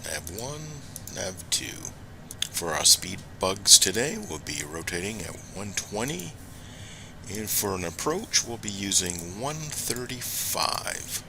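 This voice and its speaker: A man's voice: sits low, lively intonation, slow pace, creaky, noisy background. A man playing a flight simulator as pilot, talking himself through checklist steps in short procedural phrases. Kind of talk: low-key procedural cockpit talk while playing.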